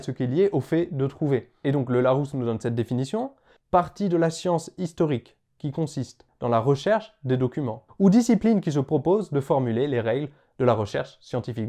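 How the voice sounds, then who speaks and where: Lively man explaining words. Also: on the high side. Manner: lively, playful teacher who sounds out example words. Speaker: educational video host. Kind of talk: explaining language history to camera.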